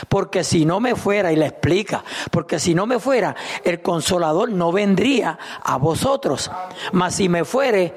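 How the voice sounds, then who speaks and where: A man preaches to his church in a high, ringing voice. He swings from calm reading to sudden shouts and laughs along with the congregation. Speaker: pastor. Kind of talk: sermon.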